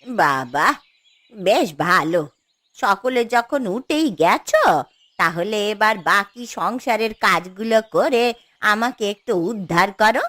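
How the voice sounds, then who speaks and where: A woman's voice: mid-range voice, lively intonation, takes it slowly, fairly bright tone, dry recording. Woman doing a grumbling old village grandma. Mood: weary grumbling. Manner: scolding, grumbling, sighing. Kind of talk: cartoon voice acting.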